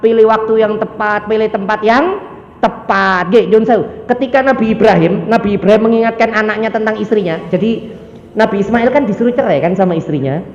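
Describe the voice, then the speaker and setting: A man with an East Javanese accent preaching a lively, jokey mosque sermon and mimicking the people in his examples. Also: sits high, a little fast. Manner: lively, jokey, acts out quoted voices. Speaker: ustadz preacher. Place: mosque hall. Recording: echoey dull hall sound, faint background noise.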